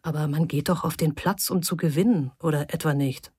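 A gentle, cautious grown man from a storybook, read by a woman in a low, dry voice. He talks softly and carefully, coaxing rather than pushing. The reading is close and plain, with no room sound. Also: fairly quick, husky, dry recording. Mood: earnest.

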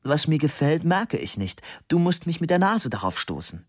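A man's voice: a little high, sing-song, normal speed, no echo, voice pushed up. A man voicing a dry, ironic young man in a storybook reading, with a teasing manner.

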